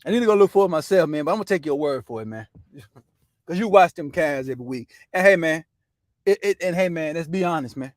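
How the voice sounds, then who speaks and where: Guy ranting about football, says man every other word, kinda high voice, dry sound. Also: animated, fairly quick, no echo. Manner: loose, profane, says "man" constantly. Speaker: sports talk show host. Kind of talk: casual sports rant.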